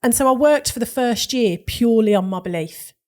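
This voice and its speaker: A woman's voice: a little high, expressive, brisk, darkish tone. A woman with a Birmingham accent, a brand specialist telling stories as a podcast guest and acting out the dialogue she quotes. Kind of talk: podcast interview.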